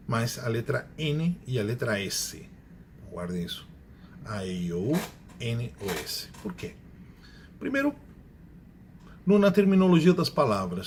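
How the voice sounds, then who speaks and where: A man's voice: medium pitch, a little hiss or hum. Man teaching grammar. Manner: explanatory, repeats examples slowly, self-corrects. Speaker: Spanish teacher. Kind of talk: classroom grammar lecture.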